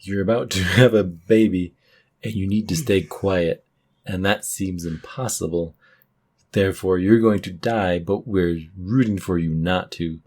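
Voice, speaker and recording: Deep husky-voiced podcast man. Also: a little slow. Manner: thoughtful, building to loud emphatic bursts. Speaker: podcast co-host. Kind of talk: casual movie discussion.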